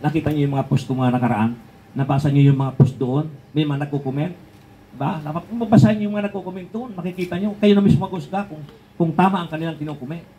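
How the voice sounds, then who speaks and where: A man's voice: fairly high pitch, quick pace, mellow, slight background noise, rough recording. An older man preaching a sermon in a conversational way, asking rhetorical questions and chuckling between points.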